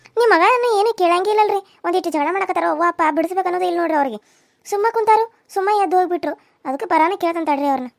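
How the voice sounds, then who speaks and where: A woman's voice: very high voice, quick pace, gravelly, voice pushed up. Woman voicing a worried young village wife. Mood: pleading. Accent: North Karnataka Kannada. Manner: worried, talking to herself.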